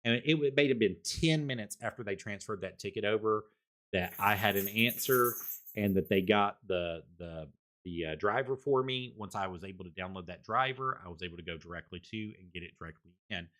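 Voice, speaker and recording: Speaking fairly quickly, a man with a loud, rather low voice reviews a microphone casually on his home stream. He talks into a desktop condenser mic while going over his settings, rambling, restarting and repeating words.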